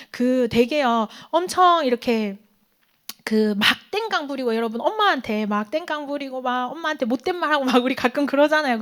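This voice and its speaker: A woman preaching a sermon to a church youth group, asking questions and answering them herself, sometimes dropping into a whisper. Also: high voice. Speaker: youth pastor. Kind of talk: sermon to teenagers. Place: church hall.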